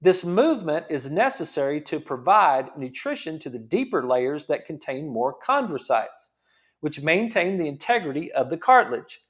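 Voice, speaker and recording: A man's voice: fairly high pitch, very animated, normal speed. A man in his fifties, a chiropractor, giving a casual health talk that explains things, repeats points and asks rhetorical questions. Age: 50s. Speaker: chiropractor host.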